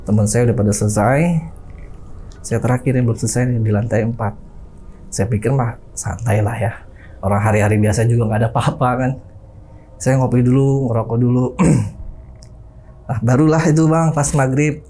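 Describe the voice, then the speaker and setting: A man's voice: mid-range voice, fairly even intonation, normal speed, long pauses, warm tone, slight background noise. A young man casually telling a personal ghost story in a chatty way, often calling his listener "Bang" and imitating the sounds he heard.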